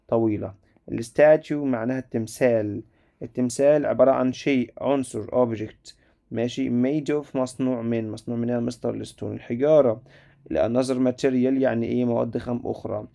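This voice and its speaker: Gravelly Egyptian man teaching vocabulary. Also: mid-range voice, mellow. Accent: Egyptian Arabic. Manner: drills words by repeating them slowly, voices students' questions. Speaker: English teacher. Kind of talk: vocabulary lesson.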